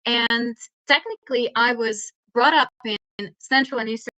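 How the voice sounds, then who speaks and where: A woman speaks on a video call, her voice bright and a touch higher than most. She talks earnestly, with frequent small hesitations. The sound is dry and close, with no room echo. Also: moderate pace, dull audio. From Hungary. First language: Hungarian. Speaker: guest speaker, startup mentor. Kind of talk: online talk presentation.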